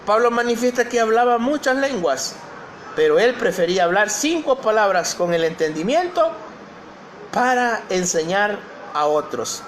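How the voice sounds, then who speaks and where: A man's voice: sits high, a bit bright, a little hiss or hum. A male pastor preaching a sermon, posing questions to the congregation and reading scripture aloud.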